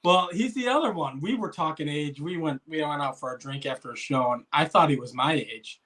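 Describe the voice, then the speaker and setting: Co-host, man in his fifties, slightly high voice, dry one-liners, easy laughs, casual chat. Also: a bit bright, breathy edge. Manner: dry quips, quick laughs.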